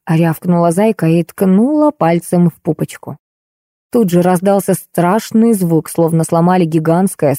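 A woman narrating an ironic detective novel in the first person, wry and even. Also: on the low side, no echo, clean studio sound. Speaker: audiobook reader.

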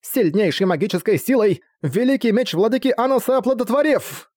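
A man's voice: sits high, big pitch swings, fast, darkish tone, no room sound, clean studio sound, pitched above the performer's own voice. A man voicing a group of plucky young female fan-club girls in an audiobook, eager and chirpy. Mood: chanting. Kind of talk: audiobook character voice.

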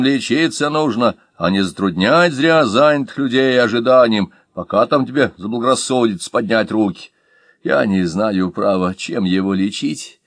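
A man voicing a gruff male robber who grumbles and lectures. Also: mid-range voice, fairly bright tone, no echo, clean studio sound.

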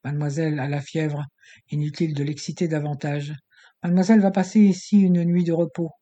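Impassive doctor, icy, calm, firm, mellow dark tone, as a man voices him. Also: a little high, brisk, natural voice. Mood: cold. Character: cold, impassive male doctor, accomplice.

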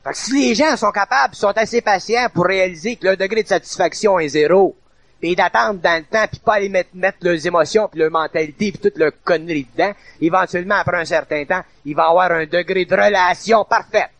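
A man's voice: high-pitched, a little fast, a bit bright, no echo. A middle-aged man with a Quebec French accent giving an informal, emphatic spoken lecture, repeating and rephrasing his points in colloquial speech.

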